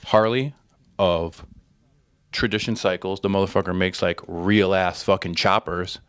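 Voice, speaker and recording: A man's voice: low-pitched, fairly even intonation, a little slow, a bit bright, clear, resonant tone, no room sound. A man hosting a podcast in casual chat, laid-back, rambling and swearing freely. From Connecticut, USA. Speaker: podcast host.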